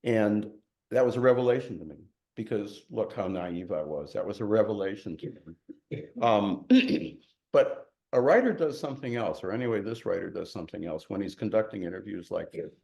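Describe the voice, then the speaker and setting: A man's voice: lowish voice, very animated, moderate pace, creaky, darkish tone. Older man, candid novelist's talk. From Chicago, USA. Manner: candid, self-deprecating, emphatic. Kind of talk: informal talk to an audience.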